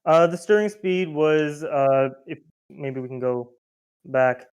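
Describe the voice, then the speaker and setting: A man's voice: a little high, slow pace, a little mellow, clean tone. A man answering technical questions about his experiment over a video call, with some hesitant fillers. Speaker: reporting team member answering questions.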